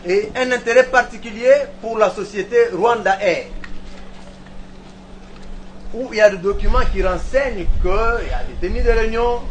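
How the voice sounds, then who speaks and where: A male prosecutor addresses the court in a formal, measured tone as he reads out the evidence, his voice slightly high for a man. A faint hum of noise sits behind him. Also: low-quality recording.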